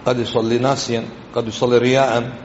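A man's voice: mid-range voice, little pitch movement, a little fast. A man giving a religious lesson, explaining grammar and quizzing his listeners with repeated questions. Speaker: religious teacher. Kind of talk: classroom lesson on hadith and grammar. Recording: echoey hall, dull lo-fi, faint hiss.

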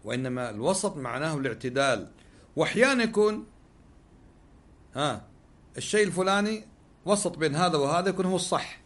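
A man's voice: a little high, expressive, fast talker, long pauses, fairly bright tone. A man teaching a religious lesson, posing rhetorical questions and answering them himself. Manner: Gulf Arabic dialect. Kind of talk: sermon-style lesson with questions.

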